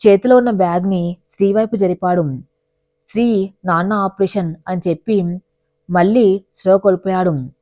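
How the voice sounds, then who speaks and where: Low-voiced woman telling a story. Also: dry recording, highs cut off. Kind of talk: scripted narration of a drama story.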